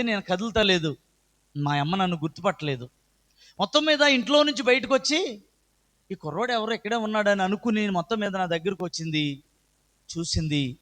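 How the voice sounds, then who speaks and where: A middle-aged man giving an earnest personal testimony at church, his voice swelling loud and high at moving moments. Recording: echoey hall with long reverb.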